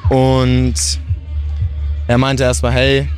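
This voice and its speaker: A young man talking casually in an interview, relaxed and chatty, often restarting his sentences. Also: mid-range voice, very slow, faint music behind, some chatter behind. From Germany, raised in Portugal. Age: young adult.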